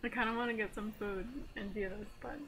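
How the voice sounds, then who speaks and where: A woman's voice: mid-range voice, steady tone, brisk, fairly bright tone, slightly rough, rough recording. A woman livestreamer reading a game aloud with casual asides, often giggling as she reads. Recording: music behind the voice.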